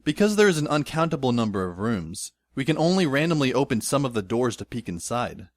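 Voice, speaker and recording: This man's medium-pitched voice is very animated and fairly quick, close to how he'd normally talk, captured in a dry recording. He voices a sardonic teen schoolboy dryly narrating his adventure as scripted audio drama.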